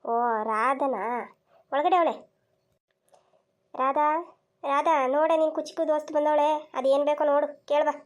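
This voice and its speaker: Cartoon comedy scene with a woman playing a grumbling old mother-in-law who scolds everyone and complains nobody listens to her. The voice sits high, with rustic village talk full of grievances. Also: steady tone, moderate pace, long pauses, close to an everyday voice. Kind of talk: cartoon voice acting.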